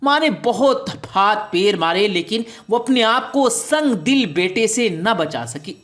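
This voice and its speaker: A woman's voice: medium pitch, animated. A woman storyteller giving a scripted, dramatic narration of a moral tale.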